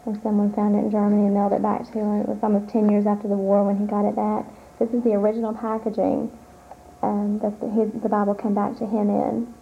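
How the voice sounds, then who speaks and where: A woman's voice: medium pitch, completely flat delivery, fast, gravelly. A woman interviewing and informally explaining what is being shown. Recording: dull lo-fi sound, faint noise.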